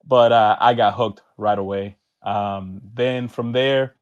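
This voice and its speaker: A podcast guest and tournament organizer from Venezuela, later based in Miami, tells stories in casual slang and acts out snippets of dialogue. His voice is lowish, smooth and slow with fairly even intonation, and the highs are cut off.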